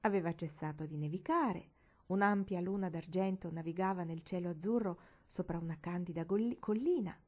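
Woman narrating a novel, mellow dark tone, steady expressive reading. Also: on the low side. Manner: measured, expressive storytelling. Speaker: reader.

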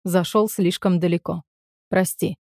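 A woman voicing a guilt-ridden young man who murmurs his words in hushed tones, in a storybook reading. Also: lowish voice, steady tone, unhurried, no room sound, clean studio sound. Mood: remorseful.

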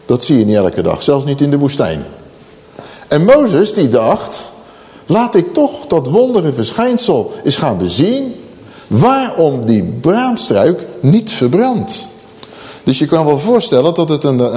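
A man's voice: on the high side, darkish tone. A man preaching a Bible-teaching sermon who asks rhetorical questions and draws out key words for emphasis. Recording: long reverb of a large hall.

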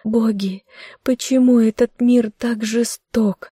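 A woman's voice: mid-range voice, fairly even intonation, measured pace, mellow, husky, dry recording, studio quality, voice pushed up. A woman reading an audiobook, voicing a tender, devoted young village girl who speaks with emotional, pleading intensity. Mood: sobbing.

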